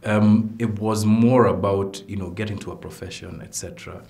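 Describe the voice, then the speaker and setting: A man's voice: on the low side, fairly even intonation, moderate pace, gravelly, mellow. A man hosting a talk show interview, asking probing questions in a playful, conversational way. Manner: probing, playful, many fillers.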